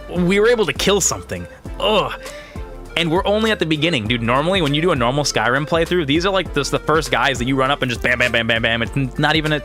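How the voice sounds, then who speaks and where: Bright and forceful in a mid-range voice, a thirties-aged gaming video creator and streamer gives casual, meandering commentary on his gameplay. His speech is slangy and exclaiming, with frequent use of "dude."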